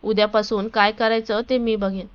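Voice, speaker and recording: A woman voicing a calm, newly confident young wife in a read-aloud story, speaking steadily and firmly. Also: mid-range voice, normal speed, clean tone, natural voice. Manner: calm, firm. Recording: dull lo-fi recording.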